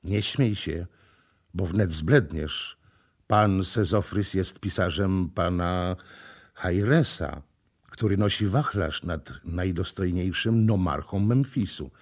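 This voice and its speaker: A man reading the part of a gentle, sad young woman who calls out in a slow, soft, lamenting tone. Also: deep voice. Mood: wary.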